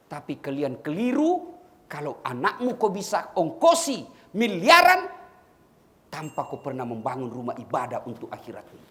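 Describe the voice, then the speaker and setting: A man's voice: very high-pitched, fairly bright tone. A middle-aged man with a Makassar accent giving a humorous sermon, telling stories and addressing his listeners directly as "Pak". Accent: Makassar Indonesian. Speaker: preacher.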